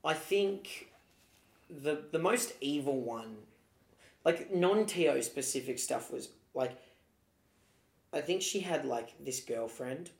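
A man with a slightly high voice chats in an echoey room. He hosts a podcast with rambling, sweary frat-bro banter, telling stories casually. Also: lively intonation, slow pace, creaky, long pauses. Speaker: podcast host. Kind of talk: casual chat, storytelling.

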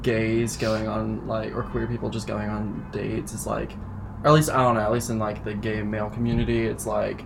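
A young man with vocal fry, chatting casually as a podcast co-host. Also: on the low side, flat delivery, moderate pace. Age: young adult. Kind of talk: casual banter podcast chat. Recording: clearly noisy background.

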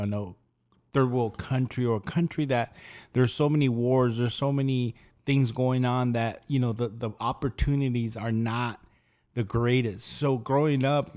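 Rambling male podcast host, mid-pitched. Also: darkish tone. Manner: long rambling questions with many restarts. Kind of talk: casual interview talk.

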